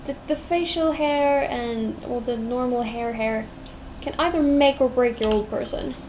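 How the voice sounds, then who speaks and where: Crickets chirp behind this slow-talking South African woman, whose fairly high voice carries a mixed British and American-tinged accent. She's a digital artist on a live stream, chatty and meandering, humming to herself as she thinks aloud over her drawing. The audio is poor, with steady background noise.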